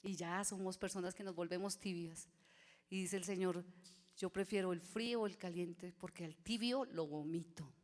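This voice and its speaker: A woman delivers a sermon from the church pulpit. She preaches with passion, rising to loud cries and then sinking into hushed whispers. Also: on the low side, moderate pace. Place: church sanctuary.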